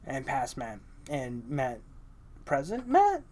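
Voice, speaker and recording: A man's voice: mid-range voice, wildly swooping pitch, slow pace, darkish tone, slight background noise. A man in his thirties co-hosting a podcast, chatting casually, joking, swearing and laughing often. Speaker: podcast co-host. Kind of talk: casual chat.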